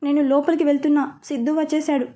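A woman's voice: high-pitched, level tone, fast, mellow, natural voice. A woman voicing a flustered, scheming young woman in a storybook reading, full of fretful asides.

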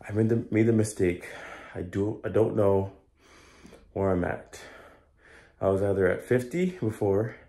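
A young man with a fairly low voice talks casually through his push-up workout. He sounds somewhat winded from the effort, recorded on a phone in a small, echoey bare room. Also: unhurried, long pauses, mellow. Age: young adult. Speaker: fitness challenge vlogger. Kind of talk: casual self-talk vlog. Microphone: phone camera, at arm's length or propped nearby.

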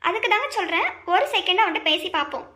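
A woman's voice: very high-pitched, animated, quick pace, sharp tone, exaggerated voice. A woman voicing an anxious young wife in a cartoon family drama, pleading and coaxing her husband.

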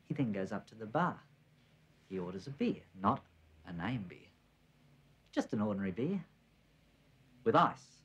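A man's voice: lowish voice, breathy edge, low-quality recording. An actor playing a vain, snobbish young man, confiding gossip straight to the listener. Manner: confiding, conspiratorial storytelling to the listener.

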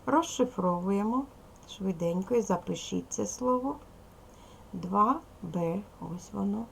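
Woman, primary school teacher, slow careful delivery, gravelly edge, faint room hiss. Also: mid-range voice. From Ukraine. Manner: slow, clear instructional delivery, addressing children. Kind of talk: recorded video lesson for children.

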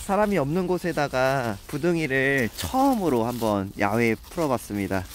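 A man's voice: medium pitch, big pitch swings, a little slow, a little hiss or hum. A man narrating a pet vlog in a friendly, chatty way, talking straight to his viewers. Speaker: pet vlogger.

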